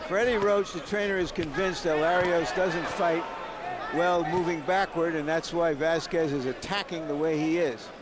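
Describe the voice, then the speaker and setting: A man's voice: a little high, fairly even intonation, normal speed. A man commentating live on boxing from ringside. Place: ringside in an arena. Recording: noisy live arena broadcast.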